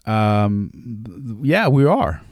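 A man with a Southern drawl talks casually through Bible verses, reading scripture aloud between loose, conversational asides. His voice sits fairly low, and the recording is dry and close. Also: big pitch swings, extremely slow, dry recording. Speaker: podcast host. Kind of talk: casual Bible study talk.

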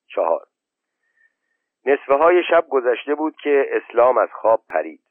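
A man narrating an audiobook in a measured, steady storytelling manner, on a tinny, narrow-band recording. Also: mid-range voice, no room sound.

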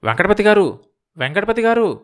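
A man voicing an anxious, scheming male go-between who talks in a hurried, pressing way. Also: a little high, animated, voice pushed up, close to an everyday voice. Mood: alarmed.

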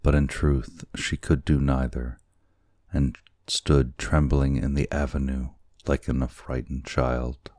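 A man narrating a classic story as an audiobook, in a measured, deliberate reading. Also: rumbling low, flat delivery, warm tone, no room sound, studio quality.

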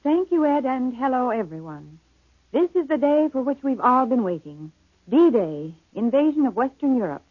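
A woman's voice: high voice, very animated, moderate pace, slightly rough, no room sound, phone-quality sound. An American woman hosting a 1940s radio news program, heard on an old broadcast recording.

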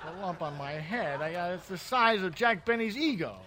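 A man's voice: high voice, expressive, normal speed, very noisy. A man playing an irritable, theatrical gangster schemer in old-time radio comedy, stammering and exclaiming. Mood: irritated.

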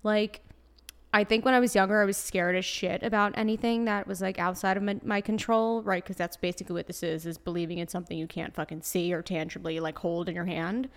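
A woman's voice: mid-range voice, fairly even intonation, a little fast. A woman in her late twenties with a Brooklyn New York accent, talking casually as a podcast host, sassy, blunt and swearing freely. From New York, USA. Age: late 20s. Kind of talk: casual solo podcast talk. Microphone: desk microphone.

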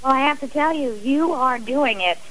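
Over poor, hissy radio interview audio, a middle-aged woman with a high, slightly bright voice talks at a moderate pace. As a guest advocating against domestic violence, she gives passionate, sincere answers in long, emphatic appeals.

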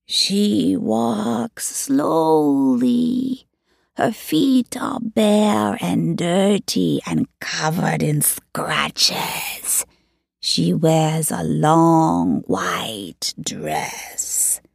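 A woman's voice: deep voice, expressive, drawn-out words, creaky, no room sound, clean studio sound, voice pushed down, full character voice. A woman voicing a twelve-year-old orphan girl telling a ghost story in a throaty whisper, as whispered role-play. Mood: spooky.

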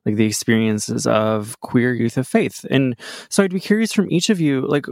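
Man, podcast host, gravelly voice, dry close sound, casual chatty manner. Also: mid-range voice, normal speed, no room sound. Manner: casual, frequent "like" and "kinda". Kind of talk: hosting a panel discussion.

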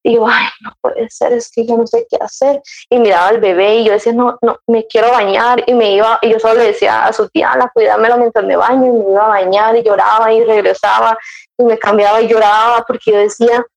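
A woman's voice: fairly high pitch, little pitch movement, quick pace, creaky, lo-fi sound. Chatty young woman. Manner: chatty storytelling, acting out her own past words, many restarts. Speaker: guest sharing her motherhood story. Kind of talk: casual chat.

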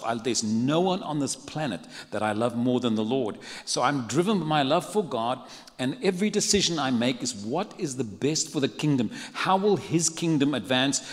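A man's voice: medium pitch, animated, normal speed, big-room sound. An older man from Africa, preaching a sermon in a humorous, conversational way. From South Africa. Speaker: pastor.

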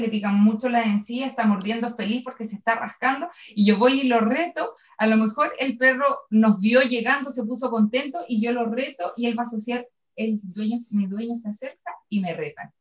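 Chilean woman dog trainer in an echoey room. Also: fairly high pitch. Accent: Chilean Spanish. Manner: explains with acted-out examples and quoted scolding. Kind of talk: explanatory podcast talk. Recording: echoey room, dull sound.

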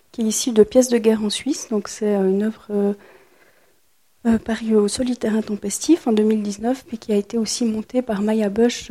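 Mellow-voiced woman author reading aloud. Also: mid-range voice. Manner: searching for words between readings. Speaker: author reading her own plays. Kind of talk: public reading with commentary. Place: speaking to a live audience.

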